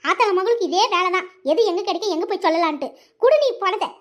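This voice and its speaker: A woman voicing a quick-tempered middle-aged village woman in a cartoon, who scolds in sharp retorts. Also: very high voice, steady tone. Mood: angry. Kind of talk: cartoon voice acting.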